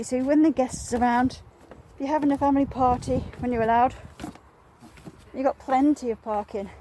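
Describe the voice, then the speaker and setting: A woman's voice: high-pitched, warm tone, a little hiss or hum. A woman estate agent giving a chatty, enthusiastic walk-through tour of a house, a bit out of breath from wearing a mask, recorded on a handheld phone. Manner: chatty and enthusiastic, addresses viewer directly. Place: house and garden, indoors and outdoors.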